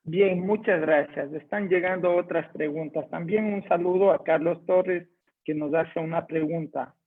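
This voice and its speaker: A man's voice: on the high side, steady tone, measured pace. A man moderating a webinar, politely and formally reading out audience questions over a tinny video call line.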